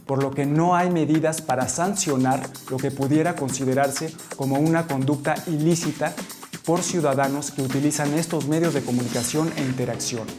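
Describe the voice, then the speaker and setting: A man reading a scripted explanatory voice-over in a measured, formal manner. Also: on the high side, fairly even intonation. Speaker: voice-over narrator. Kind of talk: scripted narration. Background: music.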